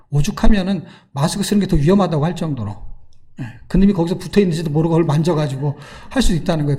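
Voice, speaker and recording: A middle-aged man preaching a sermon, telling the story in a lively way with rhetorical questions and acted-out quotes. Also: high voice. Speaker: pastor.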